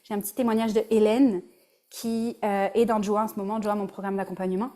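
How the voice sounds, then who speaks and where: A woman's voice: mid-range voice, little pitch movement, fairly quick, mellow. A woman with a Québécois French accent, a relationship coach giving a casual, conversational webinar presentation and dropping in English words.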